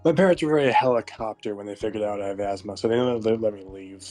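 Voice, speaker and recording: A man's voice: lowish voice, fast talker, darkish tone, soft background music. A man playing a tabletop game, making dry, teasing remarks to the others. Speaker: player.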